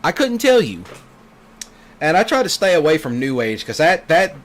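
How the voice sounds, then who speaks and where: Running a folksy gaming channel, he talks in a sing-song voice on the high side at a moderate pace. His casual, teasing rant includes mocking impressions of others in put-on voices. Behind him, a driving video game's engines hum as clear background noise.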